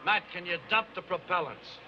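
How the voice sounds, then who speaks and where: An actor playing a firm, commanding test director, issuing clipped orders from mission control. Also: male voice, high voice, normal speed, noisy background, close to an everyday voice. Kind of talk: clipped command radio talk. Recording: dull lo-fi film soundtrack.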